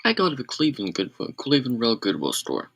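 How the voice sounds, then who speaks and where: Rambling man with a bright tone. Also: medium pitch, huge pitch swings, fast talker, vocal fry. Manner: rambling, self-correcting, sarcastic asides. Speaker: live streamer. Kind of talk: casual live stream talk.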